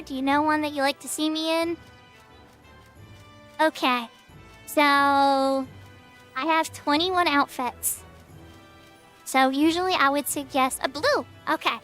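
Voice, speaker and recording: A woman streamer with a high, girlish voice in a cute anime style chats casually with her viewers as she plays. Faint music sits behind her talk. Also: a bit bright. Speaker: livestreamer. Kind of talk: casual livestream chat while gaming.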